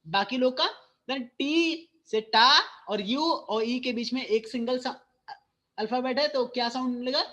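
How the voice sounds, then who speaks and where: A man's voice: very high-pitched, a little slow, fairly bright tone. A male school teacher giving an online phonics lesson, mixing Hindi and English, patiently repeating and quizzing his students.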